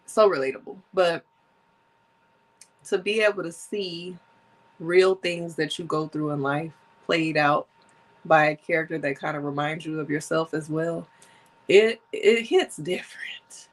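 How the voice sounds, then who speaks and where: A woman in her thirties hosts her own casual solo podcast, chatting animatedly, laughing often, and sipping drinks. Her deep voice moves a little slowly, and the recording is rough.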